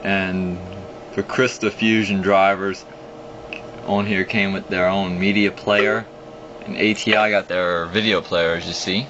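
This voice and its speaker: A deep-voiced young man speaks at a measured pace while showing off an old computer in a casual hobbyist walkthrough. He rambles and keeps restarting, talking through each click at his home computer desk. A phone camera held at the screen gives muffled audio over a steady hum.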